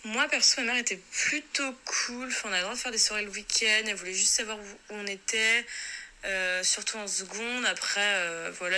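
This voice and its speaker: Bright-voiced young woman reminiscing casually. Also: mid-range voice, a little hiss or hum. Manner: slangy, relaxed, full of fillers. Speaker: friend recalling school days. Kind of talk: casual recollection.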